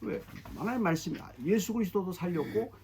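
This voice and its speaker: A middle-aged man preaching a sermon as pastor, emphatic and animated, often repeating his phrases. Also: high voice, a little fast, a little hiss or hum. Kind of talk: expository sermon.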